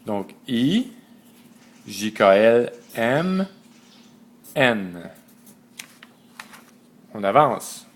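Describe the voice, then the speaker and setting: A man, slowly and methodically teaching a writing system letter by letter. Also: medium pitch, very animated. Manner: slow and methodical, spelling out letters one by one. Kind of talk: step-by-step lesson.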